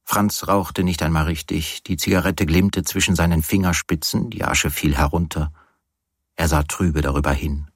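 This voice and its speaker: Calm male audiobook narrator, very deep, dry close sound. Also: moderate pace, slightly rough, no echo.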